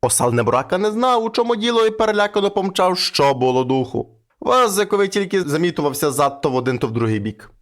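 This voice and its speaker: A man's voice: very animated, fast talker. Ukrainian man telling a folk tale. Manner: acts out characters with shifting pitch. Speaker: narrator.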